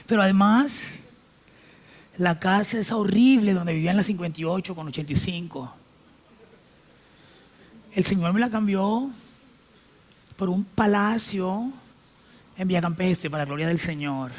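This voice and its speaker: Pastor doing a smug show-off guy bragging about his riches, kinda high voice. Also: unhurried, pauses often. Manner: smug, showing off. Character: boastful man flaunting new riches to a friend.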